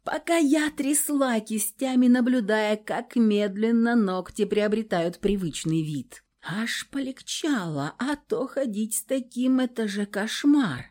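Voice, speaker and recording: Lively woman reading a story aloud. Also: fairly high pitch, unhurried, few pauses. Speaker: audiobook narrator. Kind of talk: expressive first-person storytelling.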